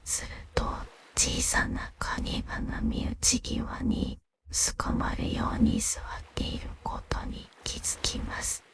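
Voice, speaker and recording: A woman narrating gentle fantasy stories in a soft, unvoiced ASMR whisper, soothing and unhurried. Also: dry recording.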